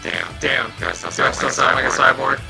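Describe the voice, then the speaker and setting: A man's voice: medium pitch, lively intonation, racing, vocal fry, pushed and bright, soft background music. A male podcast co-host wrapping up a casual chat while his voice comes through glitchy and half robotic, like a cyborg. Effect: glitchy robotic-sounding connection, half cyborg.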